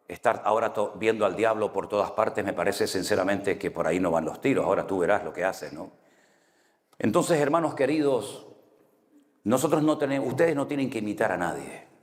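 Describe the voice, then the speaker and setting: A man from Spain with a Canary Islands accent, a pastor giving a conversational sermon full of anecdotes and asking the congregation "right?" often. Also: lowish voice. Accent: Canary Islands Spanish. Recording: long hall reverb.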